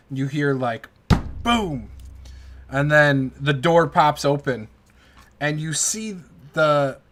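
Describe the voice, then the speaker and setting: A man improvising narration as the game master of a tabletop game, halting and informal as he searches for words. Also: a little high, a bit bright.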